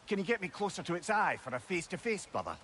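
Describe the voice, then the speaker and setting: A wry, excitable old companion. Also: male voice, high voice, very fast, background noise. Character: talkative, wry, older male companion. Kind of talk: video game voice acting.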